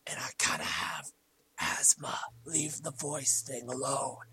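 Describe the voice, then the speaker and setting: A man voicing an ancient, touchy undead king from a fantasy game, in a breathy, wheezing rasp. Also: mid-range voice, big pitch swings, takes it slowly, sharp tone, slight background noise, exaggerated voice. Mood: defensive. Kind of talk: comic fantasy game impression.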